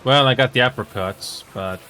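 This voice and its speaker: His mid-range voice is bright and forceful, moving at a moderate pace. A native Finnish speaker born in Finland, he chats casually on a live stream as he games, rambling, repeating himself and muttering at what's happening. The recording has a noisy background.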